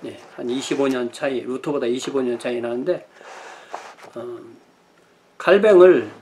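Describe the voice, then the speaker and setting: A man's voice: mid-range voice, a little mellow, a little hiss or hum. Middle-aged male pastor, history lecture, hesitant and self-correcting delivery, filler-heavy. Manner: thinking aloud with many fillers and self-corrections. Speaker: pastor teaching church history.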